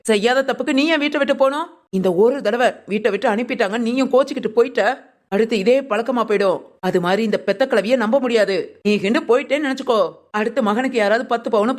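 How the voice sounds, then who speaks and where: A woman's voice: on the high side, close to an everyday voice. A woman voicing an outspoken, loyal neighbor in a family cartoon, giving firm advice. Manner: outspoken, advising. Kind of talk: cartoon voice acting.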